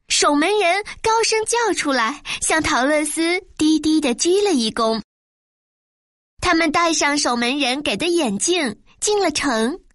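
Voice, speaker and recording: Woman storyteller, high bright voice, expressive children's narration, dry studio sound. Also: no room sound.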